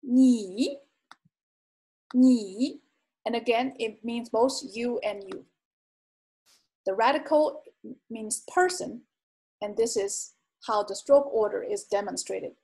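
Slow, patient woman teaching words. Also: fairly high pitch, gravelly, darkish tone. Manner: patient, repeats each word twice with careful tones. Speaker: Chinese language teacher. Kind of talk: slow explanatory lesson narration.

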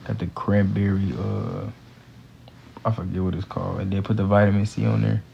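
Tired, low, gravelly young American man. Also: flat delivery, normal speed. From Gary, United States. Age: young adult. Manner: tired, laid-back, slangy. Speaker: live streamer, actor. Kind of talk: casual livestream chat answering comments. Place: small room indoors, lying down. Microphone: handheld phone at close range. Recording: muffled phone livestream with background noise.

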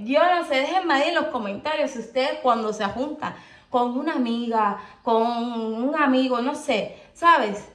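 A young woman from Cuba with a Cuban Spanish accent, chatting expressively to her viewers at home and calling them "my love". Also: sits high. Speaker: vlogger. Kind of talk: casual chat to camera. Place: at home, indoors. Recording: echoey room.

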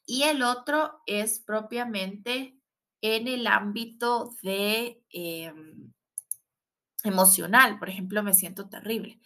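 Bright-voiced woman teaching English. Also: mid-range voice. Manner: explains in Spanish, models English words slowly, adds tag questions. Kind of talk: recorded online language lesson.

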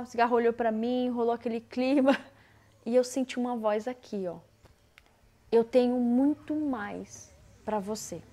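A woman with a Brazilian accent recounts a life-changing moment as a personal testimony. Her voice sits a little high. She talks casually and slangily, acts out what she said back then, and often sinks to a near-hush. Soft music plays faintly underneath. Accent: Brazilian Portuguese. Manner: casual, slangy, re-enacts her own dialogue, often drops to a hushed voice. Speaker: person giving a faith testimony.

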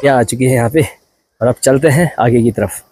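A man's voice: mid-range voice, a little fast, a little mellow, husky. A young man from Uttarakhand narrating a casual travel vlog outdoors, chatty as he points things out to viewers. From Uttarakhand, India. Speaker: vlogger. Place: outdoors at hill temples and a riverside.

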